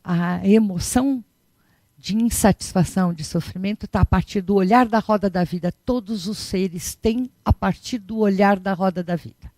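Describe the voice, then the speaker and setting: Woman, Buddhist teacher, chatty lecture with rhetorical questions; mid-pitched voice, dry close sound. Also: normal speed, a little mellow, dry recording. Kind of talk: conversational dharma talk.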